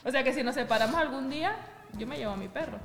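Woman, podcast co-host, bossy teasing banter, high voice, roomy echo. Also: fast, fairly bright tone, soft background music. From Venezuela. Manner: bossy, teasing, laughs often.

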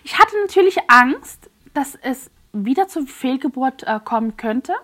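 A woman guest on a podcast telling a personal story in an earnest, emotionally charged way, halting with fillers and restarts. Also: high-pitched, expressive, fairly bright tone.

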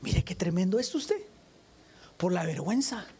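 Preacher, male, lively sermon delivery that keeps firing questions at the pews. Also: high-pitched, moderate pace, slightly rough. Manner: animated, questions the audience directly. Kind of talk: sermon to a congregation.

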